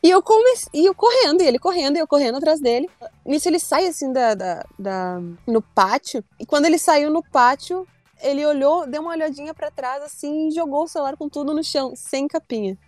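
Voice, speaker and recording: A young woman recounts a story in casual chat, high-pitched and animated. She acts out her own shouts and quotes. The sound is close and dry, with faint music under it. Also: brisk, no room sound. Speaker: storyteller guest.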